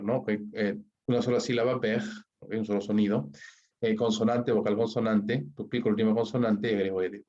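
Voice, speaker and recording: A man's voice: on the low side, darkish tone, highs cut off. Man teaching, checking in with "¿ok?". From Peru. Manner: explains slowly, checks in with "¿ok?" and "¿no?" constantly; reads English examples slowly and deliberately. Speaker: English teacher. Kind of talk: online exam-prep lecture.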